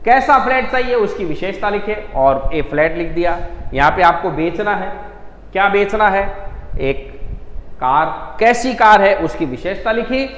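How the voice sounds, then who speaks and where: Man, teacher, slow emphatic explaining, high voice, echoing classroom. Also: animated, fairly bright tone. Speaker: English teacher. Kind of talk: classroom lesson.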